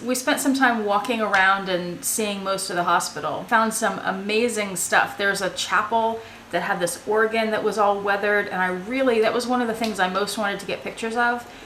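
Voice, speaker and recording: A woman recounts her experience in a casual vlog style, plain and matter-of-fact. Her voice sits at a medium pitch, in an echoey room with faint background noise. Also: fairly bright tone. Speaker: vlogger and photographer. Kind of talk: casual first-person vlog recap.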